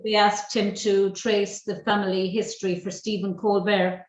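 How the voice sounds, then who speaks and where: An Irish-accented woman hosts a casual interview. Her voice sits at a middling pitch and sounds echoey and roomy. She is chatty and complimentary with her guest. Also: little pitch movement, normal speed. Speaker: show host, interviewer.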